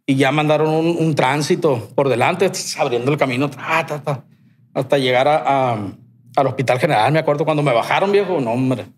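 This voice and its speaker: With some hiss or hum on the recording, a man speaks a little fast in a voice on the high side. He's a podcast guest with a Sinaloan Mexican Spanish accent, telling a long personal story in a casual, rambling way with heavy slang and swearing.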